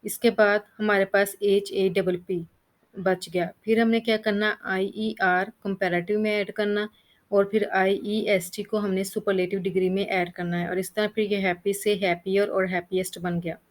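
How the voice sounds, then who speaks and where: A woman's voice: medium pitch, flat delivery, moderate pace. A woman teaching English grammar, explaining rules step by step, spelling out letters and reading lists of word forms. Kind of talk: Hindi-language grammar lesson.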